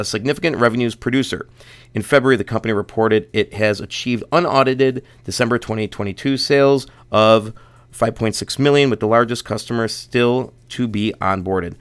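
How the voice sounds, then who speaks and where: This young man from the Buffalo, New York area hosts a casual stock update in a fairly low, clean voice. Congested and losing his voice, he rambles, restarts often, and reads quotes haltingly.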